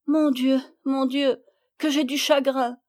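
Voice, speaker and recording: A woman's voice: sits high, flat delivery, slow pace, darkish tone, pitched above the performer's own voice. A woman reading aloud, voicing a remorseful little girl who is sobbing and speaks in broken, pleading phrases. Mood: tearful, remorseful. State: crying, choking with sobs.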